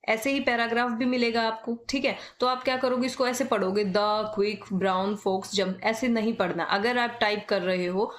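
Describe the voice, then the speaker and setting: A woman's voice: fairly high pitch, fairly even intonation. Woman teaching typing, chatty and repetitive. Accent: North Indian Hindi. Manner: repetitive, checks in with "ठीक है"; spells letters out slowly. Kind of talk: casual spoken tutorial.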